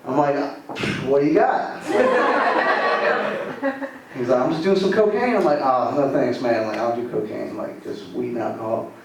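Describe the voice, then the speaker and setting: On a comedy club stage, a man in his late twenties from Arizona does a stand-up set, rambling loosely with plenty of filler words. His voice is mid-range at normal speed, sounding distant in an echoey room with audible room noise.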